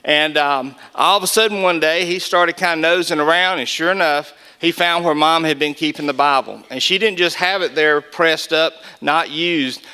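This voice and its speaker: Male speaker, folksy storyteller, clear forceful voice, a touch higher than most men. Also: normal speed, few pauses. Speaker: Gideons speaker. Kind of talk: storytelling testimony talk.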